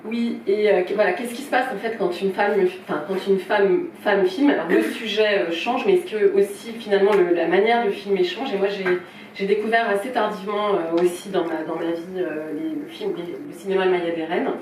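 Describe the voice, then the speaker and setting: A woman with a mid-range, slightly mellow voice speaks at normal speed with fairly even intonation while introducing a filmmaker at a small film shop event with people present. She is informal, hesitant and apologetic, often starting over. Recorded from afar in a roomy space, with faint noise.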